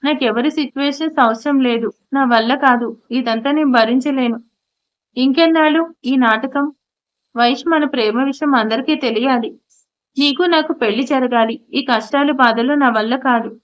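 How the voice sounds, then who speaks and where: A woman's voice: high-pitched, normal speed, natural voice. A woman voicing a desperate young woman in love in an audio story, speaking in an upset, pleading way. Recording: slightly muffled audio.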